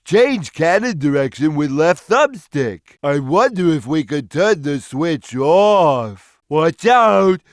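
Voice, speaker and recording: Game role: big gentle simple cat, earnest, swinging widely in pitch, dry close recording. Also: male voice, no room sound. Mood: worried warning. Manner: slow, simple, earnest delivery. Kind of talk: video game character lines.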